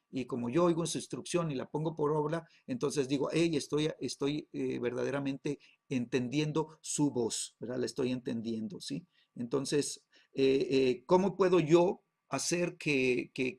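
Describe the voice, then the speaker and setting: Gravelly pastor man teaching a class. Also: mid-range voice, darkish tone. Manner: constant tag questions and halting repeats.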